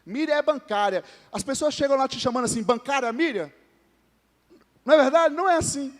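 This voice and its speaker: A man's voice: extremely high pitch, lively intonation, fast. A man with a Brazilian Portuguese accent preaching a sermon, speaking conversationally, calling out to the congregation and joking with named members. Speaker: pastor. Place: church hall. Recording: long church reverb.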